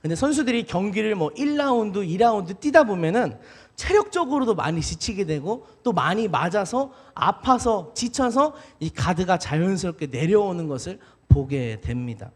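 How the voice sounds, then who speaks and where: A young man preaching a sermon earnestly, with shouted exhortations. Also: high voice. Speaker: evangelist preaching a midweek service. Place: church sanctuary.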